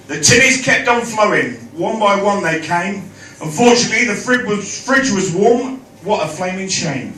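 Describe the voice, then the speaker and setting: A man's voice: high voice, pushed and bright, slight background noise. A man giving an informal, jokey wedding toast as best man, projecting his voice to a room. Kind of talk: informal wedding toast speech with comic rhyming verse. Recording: echoey room, picked up from far off.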